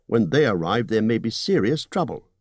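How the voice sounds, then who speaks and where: Bilbo: a man doing a fussy squeaky hobbit. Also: big pitch swings, normal speed, slightly rough, no room sound. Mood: persuasive. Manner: businesslike, squeaky, anxious. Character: fussy, polite male hobbit burglar.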